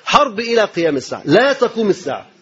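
A man's voice: high-pitched, very animated, very fast, a bit bright, slightly rough, highs cut off. A man with an Egyptian accent preaching a sermon, firing off rhetorical questions and repeating his phrases for emphasis.

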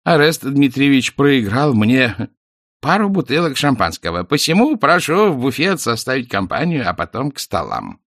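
A man's voice: mid-range voice, big pitch swings, normal speed, a bit bright, no room sound, studio quality, pitched above the performer's own voice. A man voicing a theatrical playwright who greets people effusively, raising his voice, in an audiobook.

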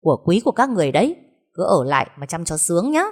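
A woman's voice: fairly low pitch, very animated, quick pace, darkish tone. A woman voicing an insolent young wife who sneers and talks back. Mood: sneering. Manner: sneering, mocking.

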